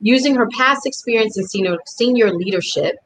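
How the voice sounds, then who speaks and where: A middle-aged woman hosting an online interview series, friendly and quick to laugh, on a video call. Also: on the high side, poor audio. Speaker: host.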